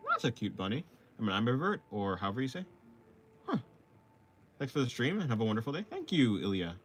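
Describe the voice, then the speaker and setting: Here a young man of about twenty streams his art, relaxed as he reads viewer comments aloud and replies between strokes. He speaks quickly in a mid-range, sing-song voice, with a bit of hiss or hum in the background.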